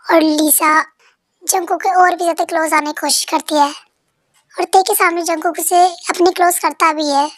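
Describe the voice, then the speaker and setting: A woman's voice: very high voice, fairly even intonation, normal speed, dry recording, clean studio sound. A woman narrating a fan-dubbed romance story in a plain, matter-of-fact way.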